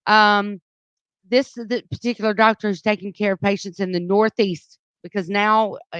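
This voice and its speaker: A woman's voice: medium pitch, clear, resonant tone, no room sound, muffled recording. A woman with a Southern US accent co-hosting a morning radio show, reading news items and then chatting casually in a studio. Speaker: radio co-host. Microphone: studio microphone.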